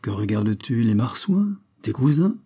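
A man reading a story voices an irritable, sharp-tongued sailor who mocks a shipmate. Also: mid-range voice, sing-song, moderate pace, slightly rough. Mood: mocking. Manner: jeering, scornful.

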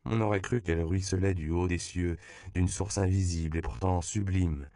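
A tactful American missionary speaks gently and considerately, as a male audiobook reader voices him. The voice is deep and gravelly, with a dark, smooth tone. The recording is dry and close. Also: fairly even intonation, moderate pace, dry recording. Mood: awed. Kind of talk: audiobook character reading.

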